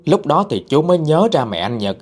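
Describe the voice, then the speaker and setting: A man's voice: a little high, sing-song, brisk, husky, soft background music. Dramatic male storyteller. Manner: chatty, dramatic, addresses listeners directly. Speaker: ghost story narrator. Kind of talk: storytelling narration.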